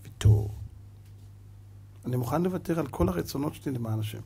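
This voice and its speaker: A rabbi preaching a sermon, animated and full of rhetorical questions to his listeners. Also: mid-range voice, creaky, slightly rough.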